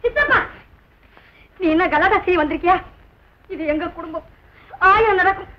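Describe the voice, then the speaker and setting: A firm, defiant niece. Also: female voice, extremely high pitch, moderate pace, background noise. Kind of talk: 1960s Tamil film acting.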